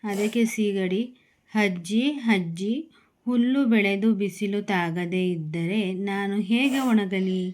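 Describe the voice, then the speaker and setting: A woman teacher reading a children's story aloud slowly and then explaining it to young pupils. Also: mid-range voice, a little mellow. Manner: slow, clear storybook reading with repeated calls.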